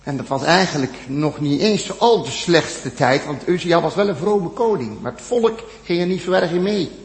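A man with a fairly high voice delivers a sermon to his congregation. His sound rings out with a long reverb through a large church. He presses points through repetition and shifts between loud emphasis and hushed, almost whispered lines. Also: expressive, normal speed. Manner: emphatic preaching, repeats phrases, sudden loud peaks and near-whispered drops. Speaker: pastor.

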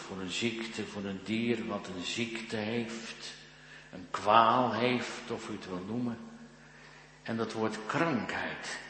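A pastor preaching a sermon in a church, earnest and slow, with emphatic rises in his voice. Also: on the low side, bright, forceful tone, a little hiss or hum. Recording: echoey church hall.

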